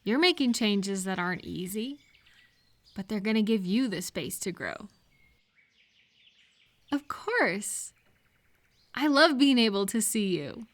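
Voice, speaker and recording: Her mid-range, animated voice carries a bright, encouraging mood as she plays a supportive, gentle friend. In this intimate, casual audio roleplay, the woman reassures the listener at an unhurried pace.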